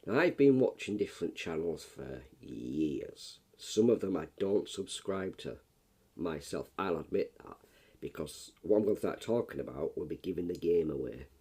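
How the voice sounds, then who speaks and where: Man, husky rough voice, hoarse, coughing, rambling rant, swears. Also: deep voice, animated, normal speed, darkish tone. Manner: rambling, blunt, swears often. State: hoarse, coughing, frog in throat. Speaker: YouTuber. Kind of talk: early-morning rant to camera.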